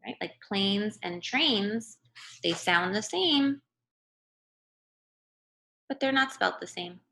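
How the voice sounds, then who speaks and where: Teaching young children remotely, a woman reads a story aloud and keeps things simple, pausing for short check-ins like "okay" and "right?" Her mid-range voice comes across animated and bright yet creaky and forceful, at a slow pace.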